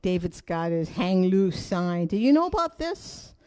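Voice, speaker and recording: A hula instructor teaches an online class from an indoor room with the curtains closed, upbeat and chatty as she calls out steps, counts, and questions to viewers. Her voice is lowish and mellow, with big pitch swings and an unhurried pace.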